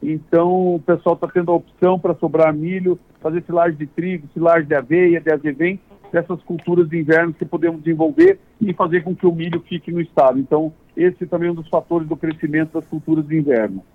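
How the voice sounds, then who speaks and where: A man from Santa Catarina, speaking over a landline phone as a farm association president in an interview, plain-spoken with halting restarts. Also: fairly high pitch. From Santa Catarina, Brazil. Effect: over a landline phone line. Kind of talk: phone interview, casual explanation. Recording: tinny dry phone line.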